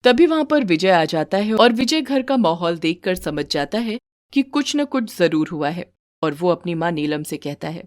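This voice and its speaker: A woman's voice: on the low side, moderate pace, no echo, studio quality. Woman narrating a storybook cartoon. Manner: steady, plain storytelling.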